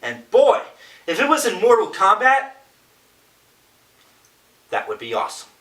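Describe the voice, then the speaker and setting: A young man rants with exasperation and lots of swearing in a comedic movie review. His bright voice swings up and down. He sounds far from the mic in an echoey room. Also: sits high, huge pitch swings, measured pace. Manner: exasperated, profane ranting.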